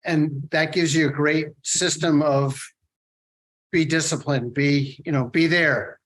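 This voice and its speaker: A late middle-aged man from the Philadelphia area, speaking as a guest in a casual podcast interview. His voice sits a little high for a man, and he rambles, stopping and restarting his thoughts as he goes. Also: steady tone, fairly bright tone, poor audio. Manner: rambling, halting with many restarts. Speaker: guest, artist and sculptor.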